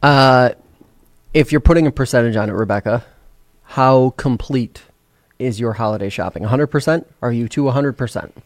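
A man's voice: mid-range voice, moderate pace, dry recording, clean studio sound. A man co-hosting a casual news and chat show, teasing his co-hosts playfully. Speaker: co-host.

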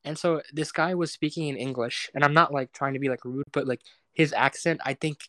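A man's voice: on the high side, fairly even intonation, brisk, sharp tone, no echo, clean studio sound. A young man co-hosting a casual podcast chat, rambling with many fillers and restarts. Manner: rambling, filler-heavy, hesitant. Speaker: podcast co-host.

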